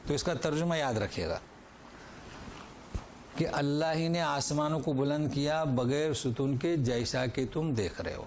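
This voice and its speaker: Male Quran teacher, patient explainer, slow recitation, faint room hiss. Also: fairly high pitch, darkish tone. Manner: explains verse by verse, recites Arabic slowly then translates; asks and answers his own questions. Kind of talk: Quran lesson with commentary. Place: lecture hall.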